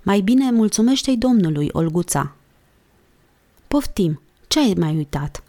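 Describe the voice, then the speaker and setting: Narrator doing a gentle anxious mother, soft and fussing, storybook. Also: mid-range voice, expressive, close to an everyday voice.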